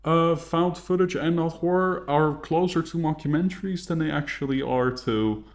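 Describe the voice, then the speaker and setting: A man's voice: fairly high pitch, moderate pace. A man co-hosting a casual film discussion, explaining in a conversational, qualifying way. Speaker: podcast co-host.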